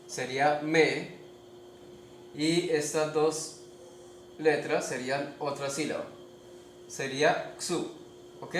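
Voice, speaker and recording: A man teaches a spelling lesson in a slow, deliberate way, stopping often to check that his listeners follow. His voice sits a little high for a man. The room is echoey, with a faint hiss of noise behind him. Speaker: language teacher.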